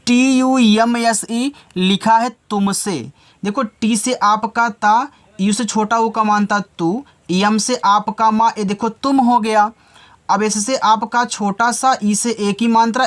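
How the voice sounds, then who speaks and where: A man teaching beginners to read, spelling out each letter slowly and talking patiently to children. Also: high voice. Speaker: English reading teacher.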